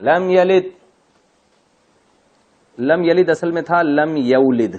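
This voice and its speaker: Guy teaching arabic grammar in a class, kinda high voice, stretches out the words, cracks jokes, muffled recording. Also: a little mellow. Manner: drawn-out, deliberate recitation of Arabic words, joking asides. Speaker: Quran teacher. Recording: dull, muffled lecture recording.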